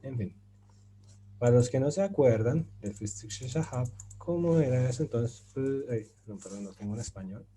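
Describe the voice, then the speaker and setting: A man's voice: mid-range voice, animated, moderate pace, mellow, a little hiss or hum. A man giving an online grammar lesson, explaining patiently with many fillers and asking his students if they follow. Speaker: Turkish teacher.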